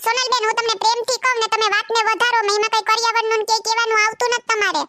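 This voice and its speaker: A woman's voice: very high voice, flat delivery, racing, pushed and bright, slight background noise. An actress playing a quarrelsome neighbor woman who scolds. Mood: indignant scolding. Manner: scolding, indignant. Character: quarrelsome woman neighbor defending her road. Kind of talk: comedy sketch acting.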